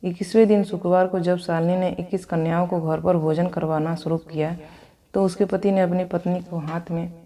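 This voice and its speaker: Low-voiced woman reading a devotional tale. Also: fairly quick. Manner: steady storytelling with small slips. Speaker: narrator.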